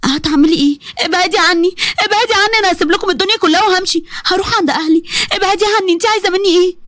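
Woman doing scared pleading young Egyptian wife, high voice, quick talk. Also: dry recording, clean studio sound, close to an everyday voice. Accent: Egyptian Arabic.

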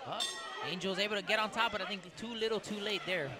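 Fast-talking male MMA commentator, loud crowd. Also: high-pitched. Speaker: fight commentator. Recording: loud music and crowd noise behind. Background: loud music and crowd.

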